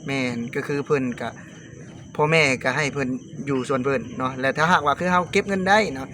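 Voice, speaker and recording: A man hosting a casual interview, talking quickly and repeating words. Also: medium pitch. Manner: quick, repeats words, fillers like nah and maen. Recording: background noise.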